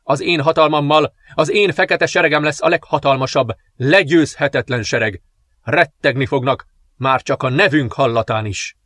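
A man voicing a vengeful sixteen-year-old dark princess in an audiobook, proclaiming and cursing in a raised voice. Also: a little high, no echo. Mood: commanding. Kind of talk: audiobook character reading.

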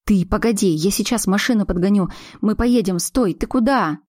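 A woman's voice: medium pitch, normal speed, darkish tone, dry recording, clean studio sound, lightly acted. A woman voicing an anxious, blunt young man whose fiancée is about to give birth. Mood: fretful. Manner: fretful, blunt and insistent.

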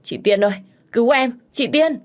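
A woman's voice: a little high, normal speed, a little mellow, voice pushed up, lightly acted. A woman voicing a young man crying and pleading in panic over the phone, in a read-aloud story. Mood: panicked pleading. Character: young man sobbing in terror.

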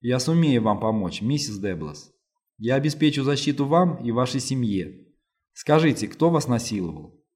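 A man's voice: medium pitch, sing-song, normal speed, darkish tone, close to an everyday voice. Brief: male reader as a tough woman police lieutenant, firm, insistent, audiobook. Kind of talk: audiobook reading.

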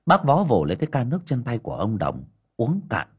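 A man's voice: medium pitch, huge pitch swings, fairly quick, breathy edge. A man narrating a ghost story expressively. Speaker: audio story narrator, livestream host.

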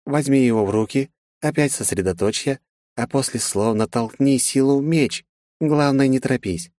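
A man's voice: mid-range voice, normal speed, a little mellow, no room sound, studio quality, voice pushed up, lightly acted. A man voicing a stern, irritable female mentor who speaks in a raised, instructive tone.

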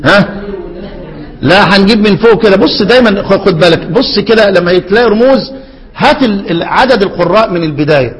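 A man with an Egyptian Arabic accent teaching a lesson, asking his students questions and answering them himself, and reciting quoted verses slowly. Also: high voice, lively intonation. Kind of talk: classroom lesson explaining a classical text. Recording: long hall reverb.

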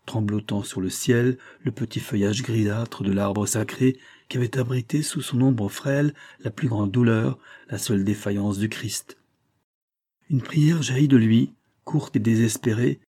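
A male audiobook narrator with a dark, husky, low voice, reading literary prose in a measured, expressive way. The recording is dry and close. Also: no room sound.

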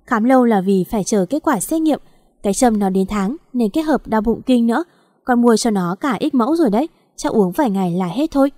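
A woman giving voice to a harsh, impatient older sister who scolds sharply. Her voice sits a bit high, and the recording is close and dry. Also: animated, a little fast, dark tone, no room sound. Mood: scolding.

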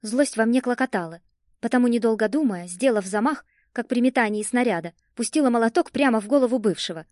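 A woman narrating a first-person audiobook in a lively, expressive storytelling manner. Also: a little high, quick pace, no echo, clean studio sound.

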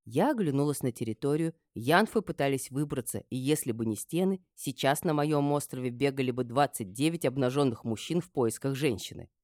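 A woman narrating a first-person novel in an expressive, lively way. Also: extremely low pitch, fairly quick, hardly any pauses, dry recording, clean studio sound. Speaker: audiobook narrator.

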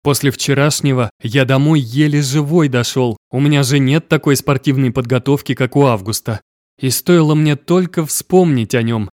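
A man reading a first-person novel aloud as narrator, slow and measured, close to the mic. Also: mid-range voice, a little mellow, no echo. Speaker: audiobook narrator.

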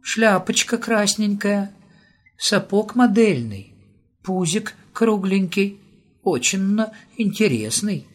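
A man voicing a superstitious, fearful old village woman in a high, sing-song, wailing voice. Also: lively intonation, slow pace, faint music behind, full character voice. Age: older.

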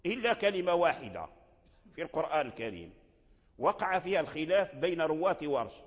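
A man's voice: a little high, very animated, fast talker. Man teaching in a reverberant hall. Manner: explains by repeating each word several times. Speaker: Quran recitation teacher. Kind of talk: classroom lesson explanation.

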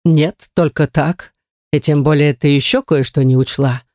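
A woman reading puts on a huge male dark god in a storybook. He speaks slowly, low and dark, with a menacing, mocking edge. The sound is close and dry. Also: steady tone, dry recording.

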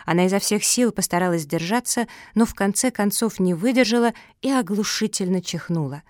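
A woman reading a children's fairy tale with expressive storytelling. Her voice is of middle pitch for a woman, recorded dry and close with no room sound. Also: fairly quick, dry recording. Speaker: audiobook narrator. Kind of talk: scripted narration of a children's book.

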